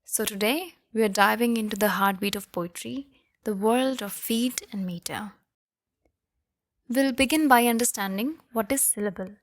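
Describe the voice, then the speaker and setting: A woman's voice: a little high, normal speed, no room sound. A woman teaching a lesson and checking in with listeners with frequent "okay?" and "right?". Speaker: literature teacher. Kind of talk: explanatory lesson.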